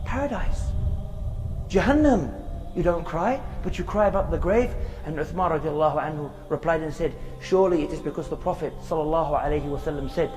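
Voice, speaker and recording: A man's voice: on the high side, a little fast, a little mellow, long reverb tail, faint music behind. A man giving an earnest religious reminder outdoors in a graveyard, repeating phrases for emphasis and reciting verses. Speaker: Islamic preacher.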